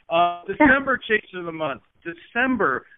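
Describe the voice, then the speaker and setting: A man's voice: high voice, sing-song, unhurried, faint music behind. A man co-hosting a podcast in casual chat, easygoing and rambling with plenty of fillers. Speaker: podcast co-host. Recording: tinny phone-line sound, dry.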